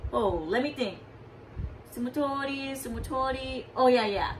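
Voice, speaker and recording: A woman's voice: sits high, unhurried, recorded from a distance, a little hiss or hum, low-quality recording. A woman voicing a friendly, laid-back male food vendor with magic, speaking Hawaiian Pidgin in a joking, easygoing way. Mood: musing.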